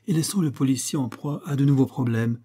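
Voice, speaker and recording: Man reading an old detective story, calm, warm husky voice. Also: medium pitch, a little fast. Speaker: audiobook narrator. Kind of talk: scripted narration of a detective story.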